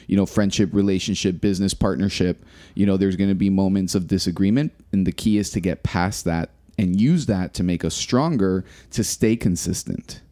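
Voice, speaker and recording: A middle-aged man co-hosts a casual podcast in a low, dark-toned voice at normal speed. He talks earnestly and motivationally, repeating phrases to drive them home.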